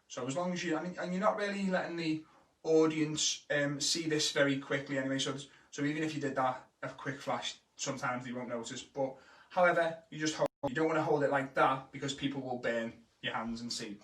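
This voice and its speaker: This Scouse kids' entertainer from Liverpool, England, has a fairly high male voice and talks a little fast. In his chatty, encouraging live-stream magic tutorial he speeds up when excited; the mic sits back from him in an echoey room.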